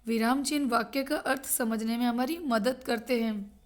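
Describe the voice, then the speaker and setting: A woman teaching a grade-school grammar lesson to children, explaining slowly and checking often that they follow. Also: on the high side. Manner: explains slowly, repeats and checks with "thik hai".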